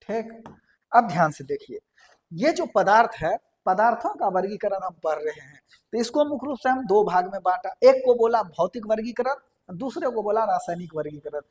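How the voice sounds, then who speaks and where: A woman delivers a classroom science lecture in a slightly mellow, mid-range voice with a sing-song lilt and a moderate pace. Her explanation unfolds step by step, key terms get repeated, and she raises questions for the class only to answer them herself.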